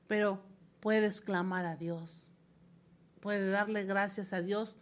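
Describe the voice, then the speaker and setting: A woman preaching a sermon in a fervent, rising manner, often repeating words for emphasis. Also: mid-range voice. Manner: fervent, builds to emphatic repetition.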